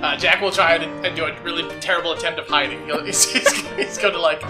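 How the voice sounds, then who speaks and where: Giggly high-voiced man playing a game. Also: fairly even intonation, fast talker, music in the background. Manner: giggly, rambling, self-interrupting. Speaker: player. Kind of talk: casual tabletop play.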